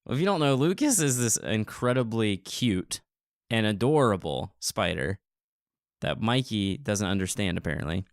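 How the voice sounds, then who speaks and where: A man co-hosts a relaxed podcast chat, his voice sitting low with a gravelly edge. He gets excitable and likes to tease his co-host. The recording is dry and close, with no room sound. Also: normal speed, no echo. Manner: excitable, playful teasing. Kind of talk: casual chat.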